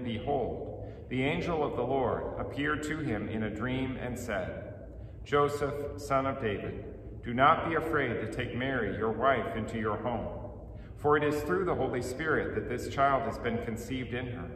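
A middle-aged man, a priest, speaking solemnly and in measured phrases at a church service, his voice carrying a cathedral-like echo. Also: medium pitch, animated, fairly bright tone. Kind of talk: liturgical chant, gospel reading and homily. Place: indoors in a church. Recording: echoey church hall, distant, noisy background.

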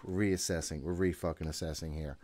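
His bass voice is mellow and slow, with fairly even intonation. The man, a video game streamer in his thirties, casually comments live on a horror game, easily startled and swearing openly to himself, speaking into a close desk mic in a small home room.

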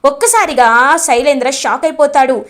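A woman retelling a TV serial episode in steady narration. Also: sits high, normal speed. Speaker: storyteller.

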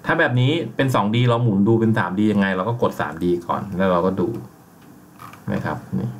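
Male instructor, lowish voice, relaxed step-by-step tutorial delivery over faint hiss. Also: fairly quick. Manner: relaxed, explains step by step with frequent polite fillers. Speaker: software instructor. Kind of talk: screen-recorded software tutorial.

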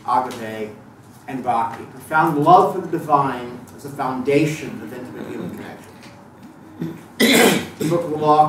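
This Thelema lecturer, a man whose voice sits on the high side, addresses a live audience from well away from the microphone. He muses and digresses, restarting often and filling pauses, while the lecture room adds echo and faint noise.

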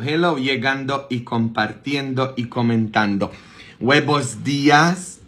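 A man, a priest with a sore throat, preaching casually to his online audience, calling out a sing-song greeting and firing rhetorical questions at his listeners. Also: medium pitch.

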